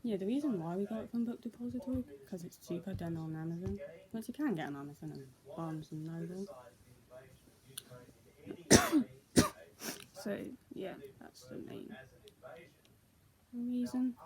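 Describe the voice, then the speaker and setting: A woman's voice: lowish voice, brisk, rough recording. Chatty young woman vlogging over crowd noise. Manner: chatty, rambling, many "so, yeah" fillers. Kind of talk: casual unboxing vlog. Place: indoors in daylight. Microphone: tablet's built-in mic.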